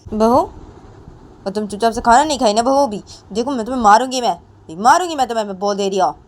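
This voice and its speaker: A woman's voice: fairly high pitch, expressive, normal speed, creaky, dark tone, breathy edge, pitched above the performer's own voice, heavily acted. A woman voicing a stern middle-aged mother-in-law who scolds and repeats her commands. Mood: scolding. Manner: bossy, repeats threats and commands.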